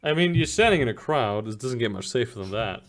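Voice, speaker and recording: A man runs a tabletop role-playing game as its game master. He improvises the narration casually, with a medium-pitched voice that moves up and down a lot. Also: animated, brisk, a bit bright.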